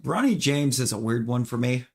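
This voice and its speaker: This streamer has a medium-pitched, expressive voice at normal speed. Opinionated and talking to his chat viewers, he rambles while gaming, full of restarts and fillers in a casual way.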